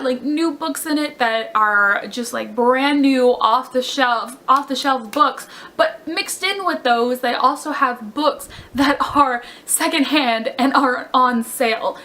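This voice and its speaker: A woman's voice: high-pitched, pushed and bright. A young woman chatting casually about her book haul, gushing and rambling with fillers and self-corrections. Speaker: book vlogger.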